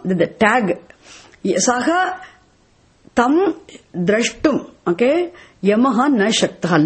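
A woman with a Tamil accent leads a scripture class. Her voice sits fairly high and swings widely in pitch, with a husky edge. She explains emphatically, repeating phrases and adding short tag questions to check understanding. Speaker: teacher of Sanskrit and Vedanta scripture. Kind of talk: teaching class, verse-by-verse explanation.

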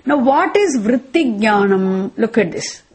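A woman with a South Indian accent and a husky voice, teaching a philosophy lesson in a didactic way, repeating points and posing rhetorical questions. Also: a little high, animated, measured pace, a little mellow. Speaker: Vedanta teacher.

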